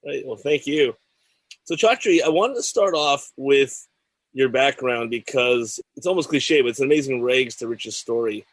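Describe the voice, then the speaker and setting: A male show host with a middle-pitched voice, reading through tech news in a measured way before he turns to his guest. The sound is close and dry, with no room around it. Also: dry recording, rough recording. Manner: measured, reads news items then chats. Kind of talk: scripted news segment and interview.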